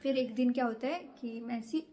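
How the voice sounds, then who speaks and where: A woman's voice: on the high side, fairly quick, warm tone, a little hiss or hum. A young woman vlogger chatting casually to camera, rambling through a scary story from her own nights.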